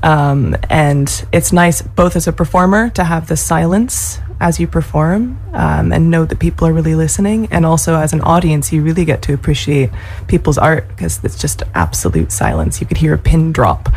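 Young woman guest, low voice, soft and reflective, casual interview. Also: lively intonation, normal speed, husky, soft background music. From UK, raised in Scotland and the US. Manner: soft-spoken, thoughtful, with filler ums. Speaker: guest songwriter.

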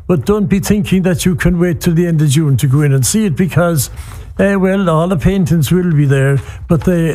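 A man's voice: on the high side, mellow. A man with an Irish accent from Cork, hosting a radio show in a rambling, hesitant, conversational way. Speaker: community radio host. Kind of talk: casual radio chat mixing English and Irish.

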